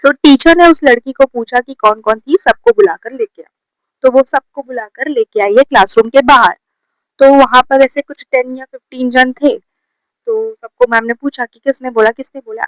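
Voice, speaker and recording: A woman vlogger telling a personal story to camera in a casual, animated way, dropping English words into Hindi. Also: high voice, normal speed, dry recording, rough recording.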